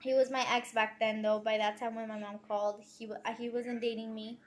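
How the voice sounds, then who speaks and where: A pregnant teenage girl talks straight to her viewers in a casual confessional vlog. Her voice sits a little high, and she rambles quickly, piling up fillers and correcting herself as she goes. The delivery is loose and unpolished, like talking to friends. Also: level tone. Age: teens. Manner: rambling, fast, many fillers and self-corrections. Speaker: vlogger telling her pregnancy story.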